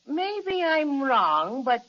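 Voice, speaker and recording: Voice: sits high, sing-song, drawn-out words, sharp tone, heavily acted. An actor playing a small, cautious, friendly stuffed bear, fussy and polite, in an old children's radio serial. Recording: dull, band-limited vintage radio recording.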